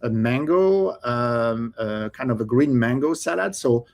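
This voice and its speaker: A man from France with a French accent, a cookbook author chatting as a guest on a podcast, pausing often with fillers and restarts. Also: mid-range voice, lively intonation, gravelly, a little mellow. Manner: hesitant, many fillers and restarts, laughs often. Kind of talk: casual interview chat.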